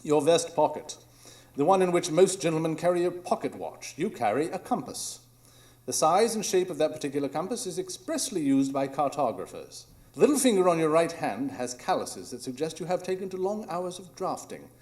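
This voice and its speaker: On a small improv theatre stage, a man plays a brilliant detective in a live radio drama, coolly analytical and deductive, with a formal, precise manner. His voice is a little high, sing-song, a little fast and slightly mellow.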